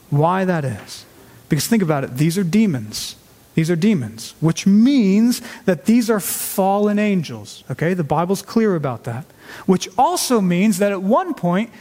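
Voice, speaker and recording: A man's voice: high-pitched, a little mellow, big-room sound. A man preaching a sermon as pastor, earnest and emphatic, asking his listeners rhetorical questions.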